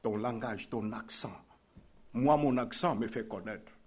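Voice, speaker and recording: A man's voice: lowish voice, a little slow, darkish tone, husky. A man preaching a sermon, emphatic and repeating his key phrases.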